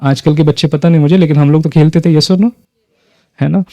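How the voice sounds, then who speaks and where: A man's voice: fairly high pitch, steady tone, brisk, dark tone, dry recording. A man facilitating a live workshop, leading a group exercise and often asking the audience questions. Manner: engages the audience with frequent questions, mixes in English phrases.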